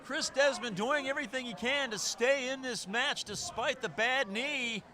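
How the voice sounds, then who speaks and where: A man calling live play-by-play as a wrestling commentator, with excitable, exclamatory delivery. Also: very high-pitched, moderate pace. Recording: loud event crowd and music behind. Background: crowd and music.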